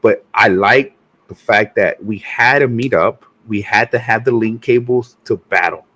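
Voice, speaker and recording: A man's voice: fairly low pitch, measured pace, bright, forceful tone. A man hosting a casual podcast chat, easygoing, chuckling often and rambling through restarts. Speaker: podcast host.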